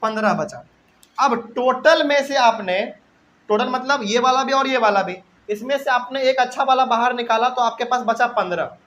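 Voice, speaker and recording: A man's voice: extremely high pitch, moderate pace, a bit bright, poor audio. A man teaching a math lesson, explaining step by step and asking questions before answering them himself.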